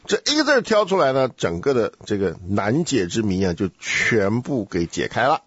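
A man's voice: lowish voice, very animated, normal speed, fairly bright tone, husky, no room sound, highs cut off. A man hosting a casual Bible study chat, teasing and quizzing his co-host and laughing often.

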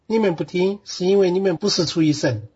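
Husky man reading scripture on lo-fi. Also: sits high, brisk, a little mellow. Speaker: guest reader. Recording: dull lo-fi recording.

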